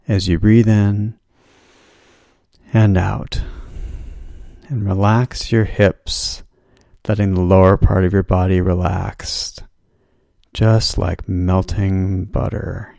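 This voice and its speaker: Male relaxation guide; deep-toned, mellow, unhurried soothing delivery. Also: creaky, dry recording, studio quality. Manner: slow, soothing, drawn-out instructions. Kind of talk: guided progressive muscle relaxation.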